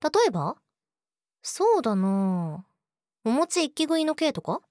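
A woman's voice: on the high side, big pitch swings, measured pace, a little mellow, no room sound, studio quality. A woman playing a sweet but eerily obsessive, jealous young girlfriend in a teasing audio drama spoken to the listener. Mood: teasing, menacing. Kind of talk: Japanese situation voice audio drama, addressed to the listener.

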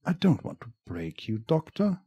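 A man voicing a predatory, mock-tender vampire intruder in a slow, theatrical, creepy, breathy villain voice for a story. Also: mid-range voice, sing-song, warm tone, no echo, muffled recording, pitched above the performer's own voice. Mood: mock-tender menace. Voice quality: breathy, whispering at times.

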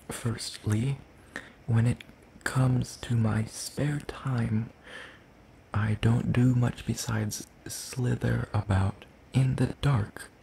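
A man voices a tall, thin, age-old demon weary of the world for a gentle ASMR roleplay. His fairly low voice comes out as a hesitant, breathy murmur with formal phrasing, over a little hiss or hum.

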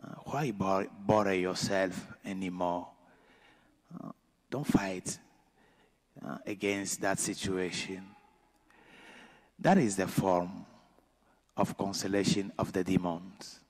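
Slow, low-voiced priest in a reverberant church. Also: male voice, flat delivery. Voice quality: slow, deliberate delivery with pauses. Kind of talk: gospel reading and homily. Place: large church.

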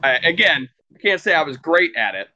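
A man's voice: a little high, a little fast, dull audio. A man co-hosting a casual podcast, telling rambling stories about meeting people and acting out the quotes. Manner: rambling storyteller, animated when acting out quotes. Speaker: podcast co-host. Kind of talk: casual chat.

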